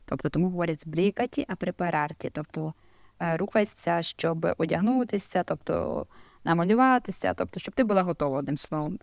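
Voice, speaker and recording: A woman teaching an Italian lesson, explaining slowly, with many fillers and repeated examples. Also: on the low side, a little mellow, dry recording, studio quality. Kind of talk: casual video lesson.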